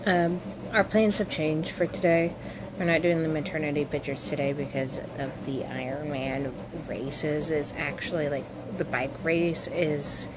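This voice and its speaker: A woman's voice: low-pitched, background noise. A woman vlogging casually at home, rambling and easygoing with lots of fillers. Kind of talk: casual diary-style chat.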